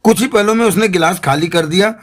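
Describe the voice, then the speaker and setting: A man narrating a thriller audiobook in a measured, dramatic way. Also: high voice. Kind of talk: scripted narration.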